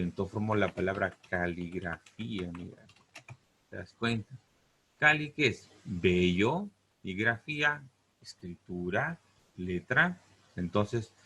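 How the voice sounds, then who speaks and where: A man with a Peruvian Spanish accent teaches a classroom lesson on Greek word roots, drawing out key words and often checking in with "¿correcto?" and "¿te das cuenta?". His voice is fairly low and a bit bright, with a breathy edge.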